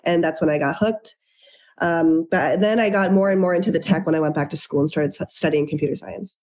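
A woman's voice: sits low, brisk, a little mellow. A young adult woman, a startup founder, telling her story fluently and upbeat as the guest in an interview over a video call from a room at home. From Japan and the United States. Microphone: video call webcam.

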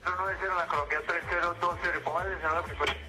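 A man's voice: a little high, fairly even intonation, rapid-fire, sharp tone, faint music behind. A man working as an airline pilot, giving clipped readbacks over the cockpit radio headset.

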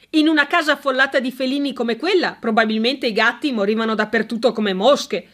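A woman narrates a humorous audiobook in a high, clear voice. Her reading is lively and expressive, and each phrase is well shaped. The narration is steady and scripted.

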